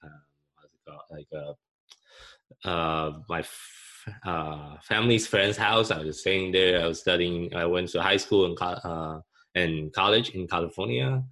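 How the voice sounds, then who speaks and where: Deep-voiced Taiwanese man, halting speech. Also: bright, forceful tone. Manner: halting, frequent restarts and fillers. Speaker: guest, parent. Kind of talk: casual interview answers.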